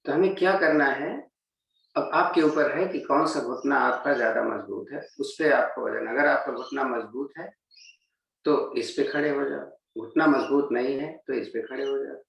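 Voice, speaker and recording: A man's voice: medium pitch, moderate pace, gravelly, a bit bright, dull audio. A man teaching a yoga class, talking students through each pose step by step. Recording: very echoey room, mic at a distance.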